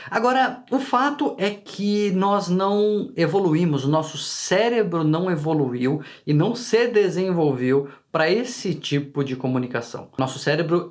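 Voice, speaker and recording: A man with a Brazilian Portuguese accent hosting his channel, explaining casually to the viewer and often tagging questions on to his sentences. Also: a little high. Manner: conversational, frequent tag questions to the viewer; talks directly to the viewer. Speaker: channel host.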